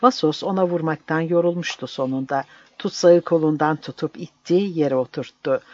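Guy reading a story aloud, slightly higher voice, flat dull audio. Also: normal speed. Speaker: narrator. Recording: dull dry lo-fi recording.

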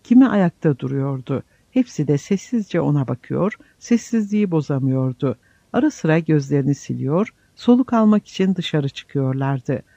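A male narrator with a fairly high yet mellow, warm voice reads in a measured, solemn pace. The sound is dry and close, with a slightly dull, lo-fi band. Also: animated, gravelly, no echo. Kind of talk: scripted audiobook narration.

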